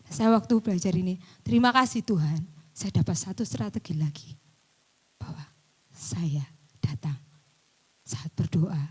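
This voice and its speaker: A woman preaching a sermon, dropping to near-whispers and then rising to loud, emphatic bursts, laughing now and then. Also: lowish voice, breathy edge. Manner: laughs between points, mixes in local slang.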